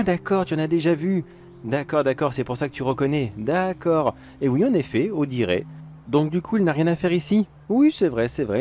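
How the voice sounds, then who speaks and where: A man's voice: mid-range voice, darkish tone, a little hiss or hum. A man telling an acted first-person horror story in a coaxing, wheedling voice that turns sinister.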